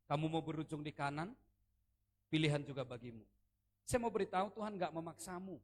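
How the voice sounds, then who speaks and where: A man preaching a sermon at a church service, animated and joking, leading the congregation in repeating phrases. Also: fairly high pitch, brisk.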